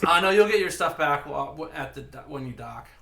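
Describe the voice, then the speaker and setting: A man's voice: fairly high pitch, expressive, quick pace, vocal fry, sharp tone, echoey room. A man narrating as game master of a tabletop game in a loose, joking way. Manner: loose, joking, full of fillers and restarts.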